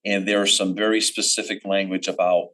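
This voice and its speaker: Male commission chair, lowish voice, halting delivery full of ums, municipal meeting. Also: level tone, sharp tone, poor audio. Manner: halting, many ums and restarts. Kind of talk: public meeting.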